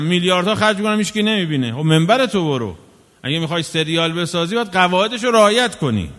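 A man's voice: high voice, fairly bright tone. A man delivering an impassioned sermon, scolding and full of rhetorical questions. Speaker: preacher. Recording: long hall reverb.

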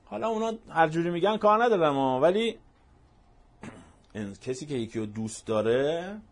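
A man preaching a religious sermon, telling stories emphatically and swinging between hushed and loud, passionate delivery. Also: on the high side, lively intonation. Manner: repetitive, emphatic storytelling.

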